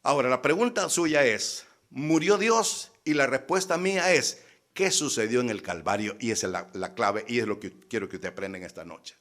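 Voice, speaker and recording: A man's voice: medium pitch, a little fast, a bit bright. A man preaching, telling a story and acting out both sides of a conversation with teasing emphasis. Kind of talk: sermon.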